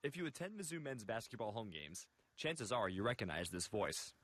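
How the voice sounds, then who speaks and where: A young man reading a scripted television news report in a measured way. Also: on the low side, very animated, a bit bright, slightly rough. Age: young adult.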